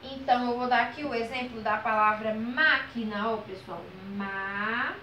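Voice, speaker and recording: A woman teaches a grammar lesson, her voice bright and a little high. She draws out each example word slowly and keeps checking in with her students. The recording sounds echoey, with faint room noise behind her. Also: fairly even intonation. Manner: patient, drawn-out model words, frequent "ok?" and "certo?" checks.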